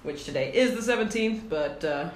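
A woman's voice: on the low side, lively intonation, normal speed. A woman co-hosting a casual astrology podcast, chatty and playful, often breaking into giggles. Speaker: podcast co-host. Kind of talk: casual chat. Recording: echoey room, faint noise.

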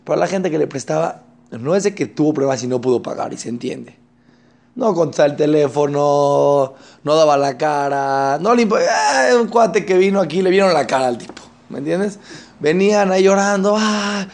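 A man giving a religious lesson on Torah ethics, talking in an animated way and acting out the people he quotes. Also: on the high side, normal speed, gravelly. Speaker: Torah teacher.

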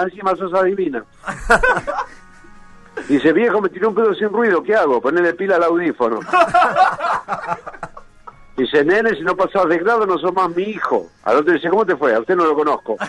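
A man's voice: fairly high pitch, a bit bright, poor audio. A man with a Rioplatense Spanish accent telling one joke after another on a radio show, laughing at his own punchlines. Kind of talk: rapid-fire joke telling.

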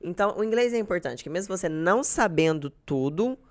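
Here a young Brazilian woman, guesting on a podcast, swaps casual chat and pokes fun at herself through her stories. Her voice sits on the low side, and she talks briskly with lively intonation.

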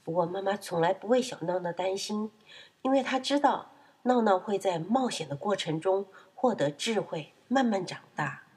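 A woman reading a children's storybook aloud with an expressive, gentle manner. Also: medium pitch, normal speed, slightly rough.

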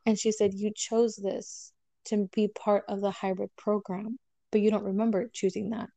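A woman speaks in a warm, relaxed register, recounting a personal story to a podcast host. She animates quoted dialogue as she goes, and the recording is dry and close with no room sound. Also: mid-range voice, normal speed, vocal fry, no echo. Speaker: guest telling a personal story. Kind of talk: casual podcast chat.

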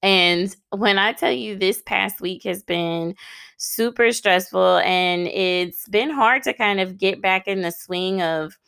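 Podcast host: American woman, thirties, crisp clean voice at medium pitch, encouraging and emphatic conversational advice. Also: slow pace, a bit bright, dry recording. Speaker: podcast host and licensed counselor.

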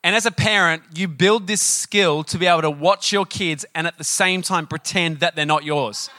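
Telling personal stories with chatty animation, a middle-aged pastor preaches and frequently poses questions to his listeners. He speaks at a normal speed with a fairly high pitch, with no echo.

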